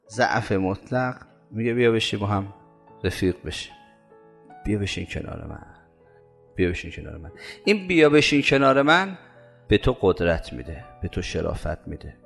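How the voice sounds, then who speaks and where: A man preaching a religious sermon with passion, swinging from loud declarations to hushed lines and slowly drawing out the lines of poetry he recites. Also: on the low side, gravelly. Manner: recites poetry in a slow drawn-out voice.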